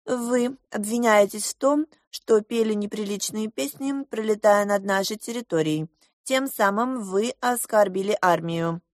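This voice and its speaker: A woman voicing a dutiful young female judge in a storybook reading, quiet, formal and obedient. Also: medium pitch, measured pace, no room sound, studio quality, voice pushed up, lightly acted. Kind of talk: audiobook character voice.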